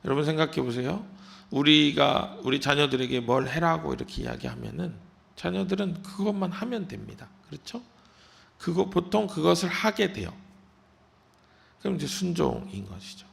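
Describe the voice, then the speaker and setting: A man's voice: fairly high pitch, big pitch swings, normal speed, creaky, fairly bright tone. A male pastor giving a conversational early-morning sermon, reading scripture and then talking it through, sometimes acting out a parent's scolding lines.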